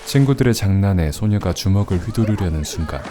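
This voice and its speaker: A man narrates a story recap in a low voice. The delivery is scripted and dramatic, laid over loud music. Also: lively intonation, brisk.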